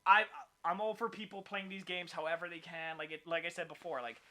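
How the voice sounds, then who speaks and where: Male podcast host, excitable rambler, bright and slightly high voice. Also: fairly quick. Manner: rambling, filler-heavy, excitable. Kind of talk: casual chat.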